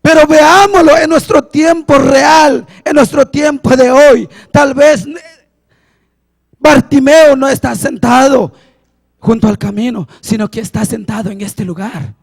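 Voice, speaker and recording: A young man preaching a passionate sermon, often shouting and drawing out his words for emphasis. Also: very high-pitched, vocal fry. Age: young adult. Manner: impassioned, often shouting, slow drawn-out emphasis.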